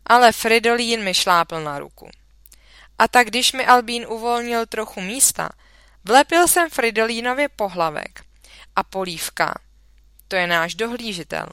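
Bright, crisp woman reading a children's story. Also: fairly high pitch, no echo, clean studio sound. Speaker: audiobook reader. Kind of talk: children's audiobook narration.

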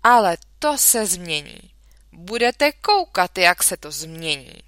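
A woman's voice: lowish voice, big pitch swings, a bit bright, clean tone, dry recording. A woman reading a children's story aloud, voicing an exasperated, blustering father. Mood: furious.

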